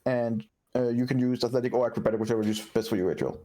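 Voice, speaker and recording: A man's voice: mid-range voice, fairly even intonation, fast talker, mellow. A man acting as game master, narrating a tabletop role-playing game and talking casually with players.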